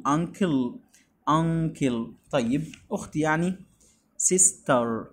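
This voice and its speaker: A man's voice: on the high side, animated, slow, slight background noise. A man with an Egyptian Arabic accent teaching beginner English, repeating each word and quizzing his pupil.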